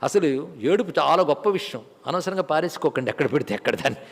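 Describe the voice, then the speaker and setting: A man's voice: fairly high pitch, animated, quick pace, gravelly. A man with a Telugu accent giving a spiritual discourse, telling stories and chanting Sanskrit verses. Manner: storytelling with Sanskrit verse recitation. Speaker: Gita discourse speaker. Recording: long hall reverb.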